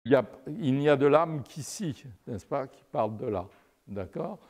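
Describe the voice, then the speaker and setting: A man's voice: medium pitch, lively intonation, moderate pace, a little mellow. An older man giving a live anatomy lecture while drawing at a chalkboard, digressive and wry, often checking in with his audience. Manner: digressive and wry, peppered with "n'est-ce pas".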